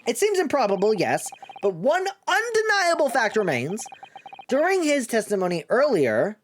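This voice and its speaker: A woman's voice: fairly high pitch, wildly swooping pitch, moderate pace, a little hiss or hum, voice pushed up. A woman voicing a composed, insistent male defence lawyer from a courtroom video game, formal and declarative. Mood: resolute.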